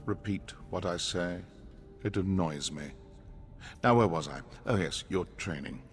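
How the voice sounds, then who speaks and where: In video game dialogue set against faint music, an actor voices a stern, condescending assassin trainer. His low voice moves a little slowly, and he sounds dry, impatient, and sardonic.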